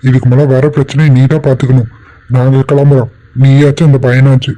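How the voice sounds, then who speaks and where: A man's voice: medium pitch, flat delivery, a little fast, dark tone, natural voice, low-quality recording. An actor playing a callous man who brushes off a young woman with curt, dismissive talk. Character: callous man leaving an injured stranger.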